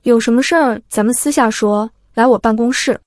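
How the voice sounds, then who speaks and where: A woman voicing a calm male office manager who politely tries to settle a scene. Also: fairly high pitch, fairly quick, no room sound, clean studio sound, lightly acted. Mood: placating. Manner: placating, polite.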